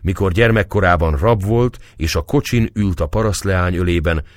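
A man reading a novel aloud as a measured, expressive audiobook narrator. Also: low voice, dry recording, clean studio sound.

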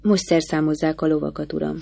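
A woman's voice: low voice, little pitch movement, vocal fry, warm tone, no room sound, heavily acted. A woman reading the short, respectful replies of a dutiful male footman. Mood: deferential.

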